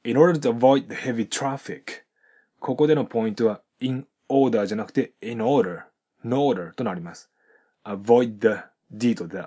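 Husky Japanese man teaching English pronunciation. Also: mid-range voice, dark tone. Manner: reads English example sentences slowly, then explains sound linking. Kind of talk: pronunciation lesson with model sentences.

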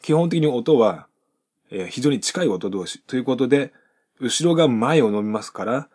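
A man teaching English pronunciation, explaining each sound step by step and saying the example sentences slowly. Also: mid-range voice, expressive, a little mellow, breathy edge. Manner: methodical, breaks sentences into sounds and repeats them slowly.

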